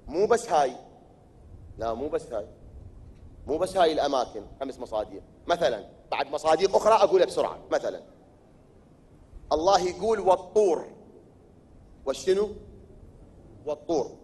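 A high-pitched male preacher with an Iraqi accent delivers a sermon. He keeps asking his listeners questions and answering them himself. He sometimes builds up to loud, forceful declaiming. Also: animated, brisk, long pauses, slightly rough. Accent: Iraqi Arabic. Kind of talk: religious sermon.

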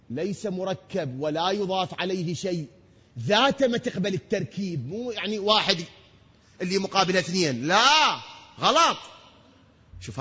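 A man preaching a religious lecture, asking rhetorical questions and answering them himself, sometimes stretching words into long shouts. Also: high voice, slightly rough. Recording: dull sound with long hall reverb.

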